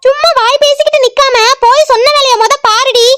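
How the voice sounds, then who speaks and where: A woman's voice: very high-pitched, fairly even intonation, fairly quick, a bit bright, dry recording, studio quality, soft background music. A woman voicing a bossy, complaining mother-in-law in a cartoon, with a southern Tamil Nadu accent and a scolding manner. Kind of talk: cartoon voice acting.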